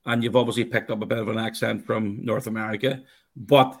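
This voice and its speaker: A man's voice: fairly low pitch, steady tone, brisk. A man with a Northern Irish accent co-hosting a sports podcast, asking teasing, playful questions. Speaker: podcast co-host. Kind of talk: casual sports chat.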